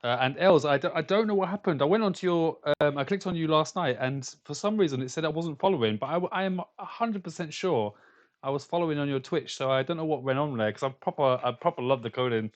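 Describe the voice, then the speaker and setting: A man's voice: fairly high pitch, fast. Rambling English man streaming live. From London, England. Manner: rambling, stammering restarts, frequent laughs. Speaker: game developer streaming live. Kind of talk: casual live stream chat with viewers.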